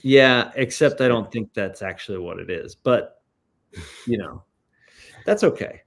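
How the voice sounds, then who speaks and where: A man in a casual chat, musing and rambling with lively enthusiasm. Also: on the low side, unhurried. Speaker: guest.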